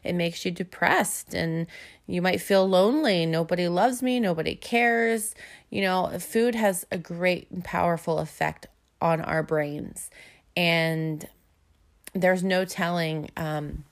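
A woman's voice: fairly low pitch, slow pace, gravelly. A young woman hosting a casual motivational talk, earnest and chatty, with many fillers and restarts, slightly out of breath. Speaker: host.

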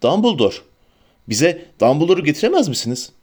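A man's voice: a little high, big pitch swings, brisk, darkish tone. A man voicing a determined teenage boy hero who speaks urgently in an audiobook reading.

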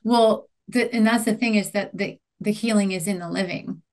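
A woman's voice: mid-range voice, fairly even intonation, normal speed, a little mellow. A woman guest on a podcast, speaking in an earnest, reflective way and often checking in with "right?". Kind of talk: casual conversational interview.

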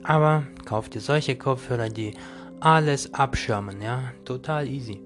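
A man's voice: medium pitch, a little slow, soft background music. A man podcasting a jokey, rambling monologue straight at the listener, full of slang and tag questions, laughing between lines. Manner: addresses listener directly, constant tag questions.

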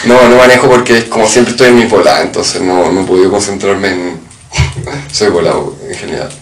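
Young Chilean man, podcast co-host, slangy and animated storyteller, roomy sound. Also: deep voice, brisk, recorded from a distance, a little hiss or hum. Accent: Chilean Spanish. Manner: storytelling, slangy, swings into loud imitations. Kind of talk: casual chat. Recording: echoey room.

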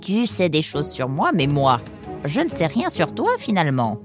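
A woman voicing a large, sly, motherly female fox in an audiobook, talking in a slow, coaxing way. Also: deep voice, sing-song, over music. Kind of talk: audiobook character voice.

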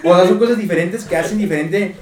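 A man's voice: sits high, fast, a little mellow. A young man from Jalisco with a Mexican accent, rambling casually with friends on a podcast and packing his talk with slang fillers. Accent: Mexican Spanish, Jalisco. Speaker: podcast co-host. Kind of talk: casual chat among friends. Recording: echoey room with faint ambience.

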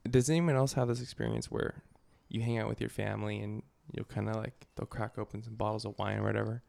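A man's voice: lowish voice, fairly even intonation, fast, creaky, a little mellow. A man in casual conversation with friends as a podcast co-host, easygoing and slangy.

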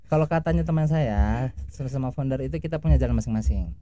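Seorang pria sedang mengobrol santai, bersemangat dan sering menyahut dengan tanggapan singkat sambil banyak bertanya. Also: male voice, medium pitch, fast, noisy background. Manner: eager, frequent short affirmations, asks many questions. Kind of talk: casual conversation.

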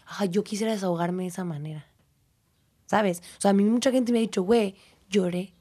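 A young Mexican-accented woman, a dancer and teacher, speaks quickly in a mid-range voice during a casual interview. She sounds reflective and animated, acting out the things people say.

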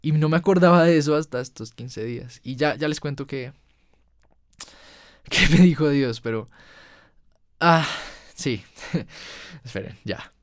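A man's voice: on the high side, measured pace, pauses often, dry recording, studio quality. A young man delivering an emotional personal monologue as a podcast host, earnest, with his voice climbing when he recalls his anger.

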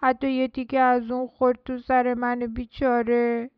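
A woman voicing a frightened little chick in a children's storybook reading, high and anxious. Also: completely flat delivery, clear, resonant tone, no room sound, dull audio, close to an everyday voice. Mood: frightened, insistent.

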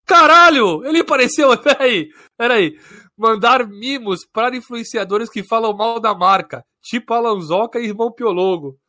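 Bright, high-voiced young Brazilian man. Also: moderate pace, no room sound, studio quality. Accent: Brazilian Portuguese. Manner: slangy, sweary. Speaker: live stream co-host. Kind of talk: casual live chat.

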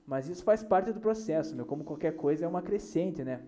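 A man's voice: fairly high pitch, animated, fairly quick, warm tone. A man hosting a casual podcast, joking and playful with his friends. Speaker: podcast host. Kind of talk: casual chat.

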